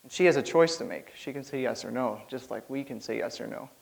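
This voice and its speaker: A man's voice: mid-range voice, fast, creaky, low-quality recording. A young man giving an informal church sermon, rambling nervously with lots of fillers and laughs.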